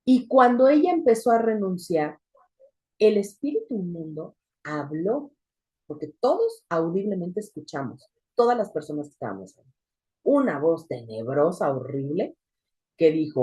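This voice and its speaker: Dark-toned woman telling a church testimony. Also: lowish voice, sing-song, measured pace, slightly rough. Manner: storytelling with sudden emphatic rises. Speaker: church women's group teacher. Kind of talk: testimony teaching.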